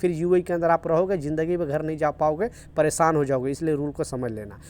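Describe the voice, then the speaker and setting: A man's voice: a little high, fairly even intonation, fast talker, darkish tone. A man giving casual video news updates for workers in the Gulf, earnest and repetitive, urging viewers to take care. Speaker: news vlogger for workers in the UAE.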